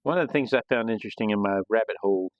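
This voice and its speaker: A man's voice: on the low side, racing, no room sound. A man hosting a live sketching stream, talking casually while he draws, in a loose, rambling way with frequent restarts. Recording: dull, lo-fi sound.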